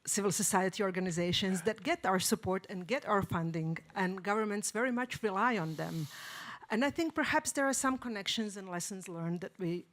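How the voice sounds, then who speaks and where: A woman making thoughtful conference remarks, pausing and restarting as she finds her words. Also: medium pitch, fairly bright tone. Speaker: conference participant.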